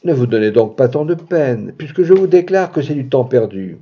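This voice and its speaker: A man's voice: mid-range voice, animated, moderate pace, breathy edge. A man voicing a stubborn young wife in a story reading, curt and defiant, heard in a dull lo-fi recording. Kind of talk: audiobook reading.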